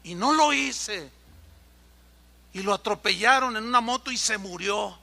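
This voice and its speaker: A man preaches a sermon with a Mexican accent, in a notably high voice for a man. His tone is piercingly bright, and he tells stories with animation, switching into the voices of the people in them. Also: a little slow, creaky. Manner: animated storytelling, acting out dialogue. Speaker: pastor.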